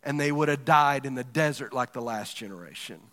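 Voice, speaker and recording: A male pastor preaching a lively, joking sermon and talking directly to the congregation in a church hall. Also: mid-range voice, fairly quick. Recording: long reverb of a large hall.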